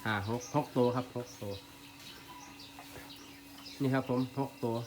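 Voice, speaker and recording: A man's voice: mid-range voice, slow, a little hiss or hum. A man with a Northeastern Thai Isan accent, talking casually and politely in his farm vlog at a cattle pen outdoors. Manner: relaxed, polite, ends phrases with "khrap phom". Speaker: farmer vlogger.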